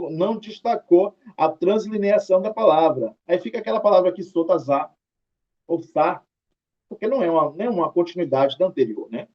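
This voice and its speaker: A Brazilian man with a high voice teaches a writing lesson on a lo-fi recording. In his Brazilian Portuguese accent, he talks students through examples in a chatty, mildly scolding manner, lingering on tag questions.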